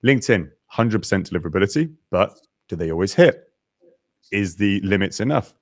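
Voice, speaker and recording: Deep-voiced energetic webinar host. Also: male voice, brisk, no echo, clean studio sound. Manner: energetic, chatty, greets viewers by name. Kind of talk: live webinar presenting. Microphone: video call.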